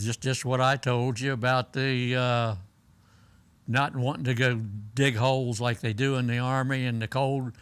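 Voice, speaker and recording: An elderly American man, a war veteran, remembering his service in halting, plain-spoken stories as he is interviewed. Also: medium pitch, little pitch movement, a bit bright, clear, resonant tone, no room sound. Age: elderly, 80s or older. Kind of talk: unscripted oral-history reminiscence.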